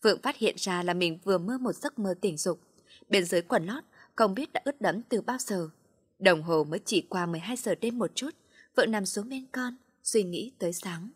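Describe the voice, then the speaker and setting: A woman narrating a story at a steady, unhurried pace. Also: mid-range voice, husky, dry recording, clean studio sound.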